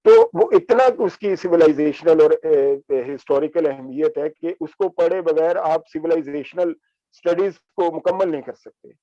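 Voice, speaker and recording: A man talks in a reflective, anecdotal way, hesitating often on filler sounds and dropping in English words. His voice sits a little high yet mellow and relaxed. The recording is dry and slightly dull. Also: moderate pace, no room sound. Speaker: speaker on books and reading.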